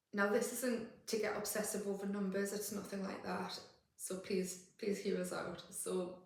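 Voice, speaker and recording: A woman's voice: medium pitch, vocal fry, far from the mic. A woman talks casually in a weight-loss vlog, rambling and restarting her sentences. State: out of breath. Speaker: vlogger. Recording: echoey room, faint noise.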